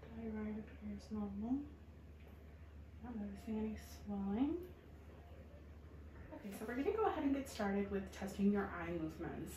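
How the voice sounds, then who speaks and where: A woman doing a soft-spoken ASMR role-play as a medical examiner, calm, reassuring and procedural. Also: medium pitch, moderate pace, pauses often. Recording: roomy echo, faint background noise.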